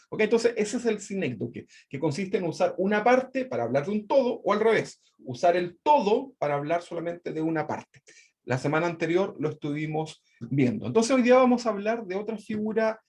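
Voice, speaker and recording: A man with a voice on the high side and a darkish tone teaches an online Bible class through a video call microphone. His Chilean Spanish accent comes through as he repeats himself and keeps tossing in "¿verdad?" to check in.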